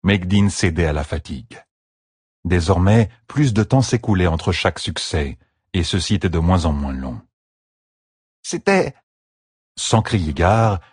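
A man reading a fantasy audiobook in a measured, expressive narration. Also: sits low, slightly rough, no room sound, studio quality.

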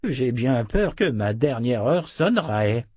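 A man voicing a cranky, hungry old male wizard in a slow, raised, quavering voice. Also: mid-range voice, big pitch swings, a little mellow, no echo, clean studio sound. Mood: grumbling.

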